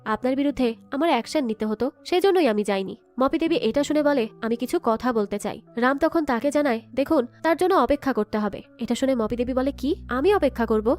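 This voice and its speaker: A woman's voice: sits high, lively intonation, fairly quick, few pauses, a little mellow. A woman narrating a movie recap in a scripted style, reading the characters' lines aloud herself with a slightly lifted voice. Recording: background music.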